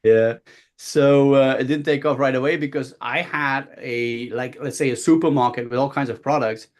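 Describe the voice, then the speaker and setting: A man's voice: medium pitch, normal speed. A Belgian-born man in his fifties shares his journey as a guest speaker over a video call. He tells it casually and with lots of energy, restarting his sentences often and acting out what other people said. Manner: animated, many restarts and acted-out quotes. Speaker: guest speaker, body language coach. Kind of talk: casual storytelling.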